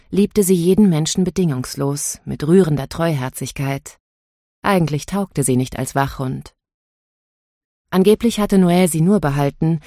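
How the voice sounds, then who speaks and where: Woman narrator, first-person novel reading, measured and inward, dry close recording. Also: sits low, mellow, no room sound. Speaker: audiobook narrator.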